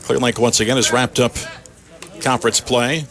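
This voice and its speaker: A man working as a radio baseball announcer, giving play-by-play from an outdoor ballpark in short, clipped phrases with pauses between calls. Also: mid-range voice, little pitch movement, a crowd in the background.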